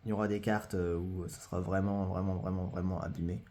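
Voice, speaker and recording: A collector with a low-pitched, darkish, level voice shows off his trading cards in a relaxed vlog, talking fairly quickly. His delivery is hesitant, full of filler words and repeated phrases.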